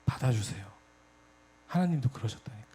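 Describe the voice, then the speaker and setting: A man preaching a sermon to a youth congregation, telling a story in a lively, direct way and often speaking straight to his listeners. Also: medium pitch, quick pace. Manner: animated storytelling, addresses audience directly. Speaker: youth pastor.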